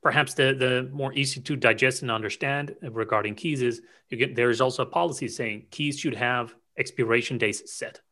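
Bright, eager man explaining tech. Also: medium pitch, fairly even intonation. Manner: enthusiastic, rapid-fire explainer. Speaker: cloud security expert guest. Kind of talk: technical explanation in conversation.

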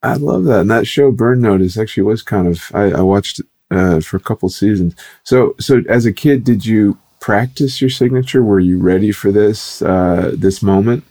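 A man's voice: lowish voice, normal speed, hardly any pauses, dark tone. A man co-hosting a business podcast, playful and rambling, with a lot of fillers. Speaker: podcast co-host. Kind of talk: casual interview chat.

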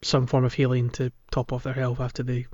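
This British podcast co-host has a mid-range, slightly mellow voice and speaks briskly with an utterly flat delivery. He rambles casually through a chat about games, and the recording sounds a little dull and lo-fi.

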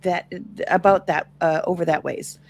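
A woman's voice: lowish voice, fairly even intonation, normal speed, vocal fry, slight background noise. A woman playing a tabletop game, hesitant and full of fillers. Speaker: player. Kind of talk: tabletop role-play chat.

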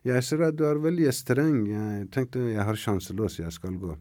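A man with an Iranian accent voicing a desperate young debtor who speaks low and quietly in despair. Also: lively intonation, no room sound, studio quality, lightly acted.

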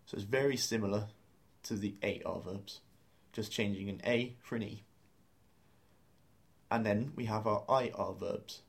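Male lesson host, fairly low voice, upbeat explainer who laughs easily. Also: unhurried, creaky. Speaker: language course host.

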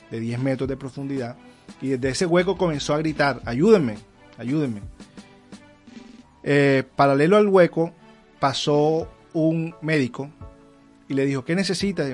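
An earnest man of mid pitch speaks in a preaching manner, telling a story with feeling. Quiet music sits behind his voice. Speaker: guest, ministry counselor. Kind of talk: faith interview, storytelling.

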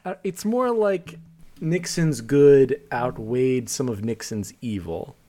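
A man's voice: mid-range voice, expressive, slow, dark tone. A young man chatting on a podcast in a loose, wry way. He laughs often mid-sentence and keeps an easy conversational tone. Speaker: podcast co-host. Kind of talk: casual podcast chat.

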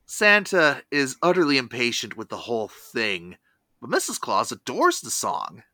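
A man narrates a scripted film recap with asides. His voice is bright and forceful, with lively swings in pitch, recorded close and dry. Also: normal speed, dry recording. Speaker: review show host.

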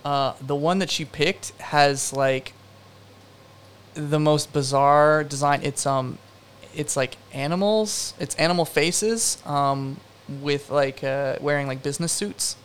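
A man's voice: a little high, takes it slowly, smooth. A young man, a production designer, answering interview questions in a rambling, casual way full of fillers and self-deprecating asides.

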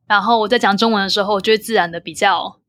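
A woman's voice: mid-range voice, steady tone, racing, fairly bright tone, no echo, studio quality. A young adult woman from Taiwan with a Taiwanese Mandarin accent, chatting reflectively and casually, dropping in occasional English words.

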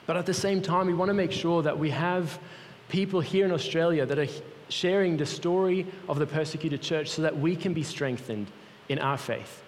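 In a large church hall with long reverb, a young man with a Swiss accent from Switzerland gives a sincere, personal sermon as a mission group's guest speaker. His voice is a little high, with a little hiss or hum in the recording.

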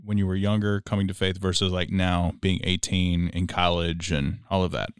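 Deep-voiced middle-aged father hosting. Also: little pitch movement, normal speed, clear, resonant tone, dry recording, clean studio sound. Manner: explanatory, leads the questions, playful asides. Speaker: podcast host, father. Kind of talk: casual family podcast chat.

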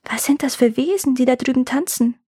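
A woman voicing a small, curious princess girl who asks eager questions, in a husky voice. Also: sits high, a little fast, mellow, dry recording, clean studio sound, voice pushed up. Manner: eager questioning, sobbing when scared.

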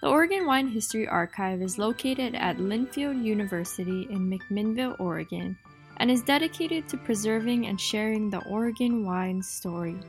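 A woman with a mid-range voice reads the scripted opening of an archive podcast. Her delivery is slow and even. Soft music plays faintly behind her. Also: medium pitch. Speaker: podcast host.

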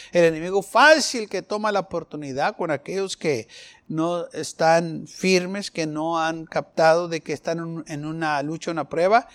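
A man preaching a sermon with fervor, acting out prayers and complaints in his own voice. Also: a little high. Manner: impassioned preaching, voicing prayers and quoted complaints.

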